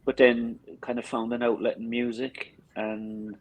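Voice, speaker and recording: This is a drummer from Cork, Ireland, in his fifties, speaking at a measured pace with a medium pitch that barely moves. As a casual interview guest he falters, restarting and repeating words mid-sentence. The audio has no echo but is low quality.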